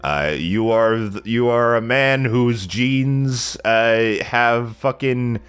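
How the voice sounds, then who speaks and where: A young man with a stuffy, slightly nasal voice from a cold speaks slowly in a clear, resonant, fairly bright mid-range tone. A regular on a let's play channel, he gives a casual video game review monologue, rambling with plenty of fillers and self-corrections.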